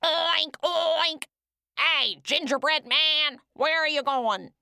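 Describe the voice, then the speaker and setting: Greedy pig, luring sweet talk, high pitch, gravelly edge, done by a woman. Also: slow, sharp tone, slight background noise, heavily acted. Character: greedy pig coaxing to eat him.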